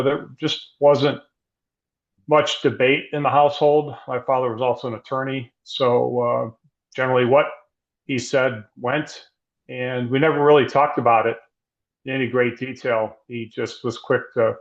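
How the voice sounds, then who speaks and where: A middle-aged man speaks as a guest in a reflective, measured way, often restarting his sentences. His voice is gravelly and even, with little rise and fall. The audio sounds dull and lo-fi. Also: medium pitch. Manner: measured, thoughtful, with frequent restarts. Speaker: guest, emergency physician. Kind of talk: reflective interview conversation.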